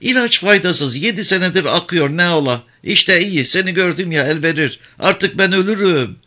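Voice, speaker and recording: A man's voice: high-pitched, animated, moderate pace, pushed and bright, voice pushed up. Man voicing a weepy old village mother. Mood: pleading. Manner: plaintive, tearful lament.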